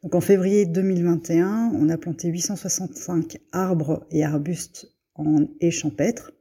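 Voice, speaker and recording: Woman, from Belgium, middle-aged, hesitant, many fillers, husky tone. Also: lowish voice, steady tone, unhurried, dark tone. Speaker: farmer and forager guest. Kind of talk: casual spoken testimony.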